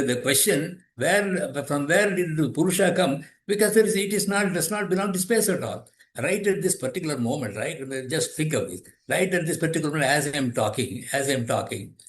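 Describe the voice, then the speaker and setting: A man's voice: on the high side, echoey room. A man in his eighties, a guest explaining philosophy in conversation, thoughtful and often restarting and repeating his phrases. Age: 80s. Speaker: guest, yoga teacher and author.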